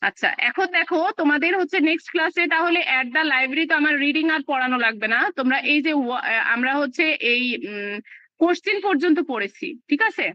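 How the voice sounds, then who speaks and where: A woman's voice: sits high, fairly quick, no room sound, dull audio. A woman teaching a live online class, explaining step by step with plenty of fillers. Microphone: video call.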